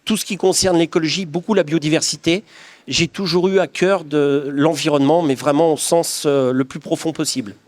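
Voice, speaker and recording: This guest, a craftsman, is a middle-aged man from France's Paris region who speaks at an ordinary pace with a fairly high, fairly even voice. He responds to the interviewer thoughtfully and sincerely, frequently starting over mid-thought.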